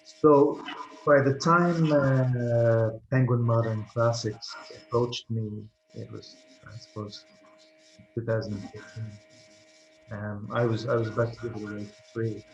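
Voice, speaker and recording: Speaking in a mid-range, level tone, a translator and writer responds to an interviewer with care, pausing and often repeating words as he searches for them. The audio sounds dull and carries the echo of the room.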